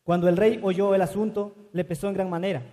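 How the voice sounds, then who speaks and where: A man reading scripture aloud in a steady, measured way. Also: sits high. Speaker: scripture reader. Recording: long reverb.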